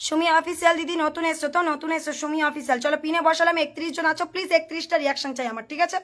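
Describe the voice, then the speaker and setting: Woman live-stream host, high voice, rapid and repetitive coaxing. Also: fairly even intonation, fairly bright tone. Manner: coaxing, repetitive, urging viewers to tap and share. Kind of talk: casual live-stream chat, reading comments aloud.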